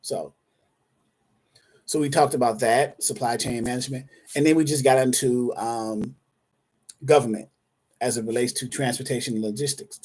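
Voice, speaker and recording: A man of medium pitch hosts a live online Q&A as a dispatcher trainer. He talks in a loose, chatty way, speaking to viewers by name and often restarting his sentences as he thinks aloud. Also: fairly even intonation, normal speed, pauses often, a little mellow, breathy edge.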